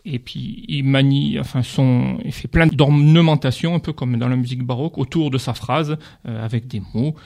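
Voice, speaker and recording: A man's voice: medium pitch, moderate pace, creaky, hardly any pauses, mellow. A man reviewing crime novels on a radio book chat, hesitant and often searching for his words.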